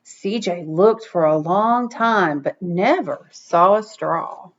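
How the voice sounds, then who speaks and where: Unhurried woman reading aloud, slightly muffled. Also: on the low side. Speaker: read-aloud reader. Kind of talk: expressive picture-book read-aloud with asides to children. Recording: dull, muffled lo-fi sound.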